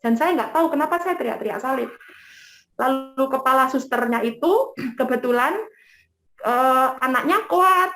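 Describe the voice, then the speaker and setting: Woman with a high voice sharing her testimony, lively storyteller, echoey room. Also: normal speed, soft background music. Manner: lively storytelling, often acts out what others said. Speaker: guest giving a conversion testimony. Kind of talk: emotional personal testimony to an interviewer.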